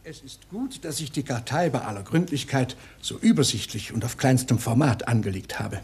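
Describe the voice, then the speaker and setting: A man's voice: mid-range voice, expressive, normal speed, darkish tone, husky. A proud, pedantic older man. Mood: stubborn. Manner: pedantic, condescending. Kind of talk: 1960s radio play acting.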